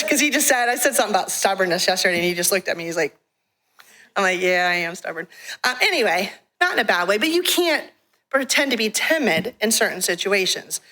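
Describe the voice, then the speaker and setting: A woman from a ministry giving a frank, animated testimony talk in a church, telling her story with laughs. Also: on the high side. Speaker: guest speaker from a ministry. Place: church sanctuary.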